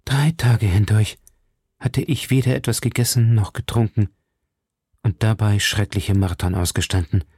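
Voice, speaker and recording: A proud noblewoman who pleads her case with bitter intensity, read by a man in his own gravelly, creaky voice. Her words sink into hushed whispers at times, and the audiobook recording is close and dry. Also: lowish voice, fairly even intonation, moderate pace, no echo. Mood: grieving.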